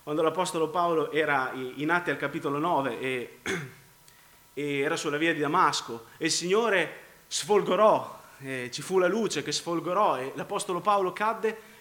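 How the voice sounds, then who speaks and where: A congested man preaching a sermon, clearing his throat now and then. His voice sits high and sounds bright and forceful as it rings around an echoey room. He hammers phrases by repeating them, then drops low and quiet. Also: normal speed. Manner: dramatic swings from loud emphasis to low near-whispers, repeating phrases.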